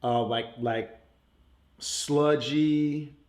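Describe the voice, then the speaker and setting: A man's voice: on the high side, fairly even intonation, very slow, a little mellow. A man from Puerto Rico, raised in New York, chatting loosely as a podcast guest, laughing often and leaning on "like" and "you know.". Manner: laid-back, laughs often, many "like" and "you know" fillers. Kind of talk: casual interview chat. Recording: roomy echo.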